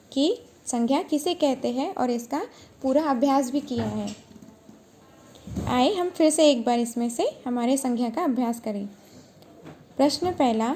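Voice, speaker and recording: High-voiced woman teaching slowly. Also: darkish tone, a little hiss or hum. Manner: asks questions then answers them herself. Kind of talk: classroom grammar lesson.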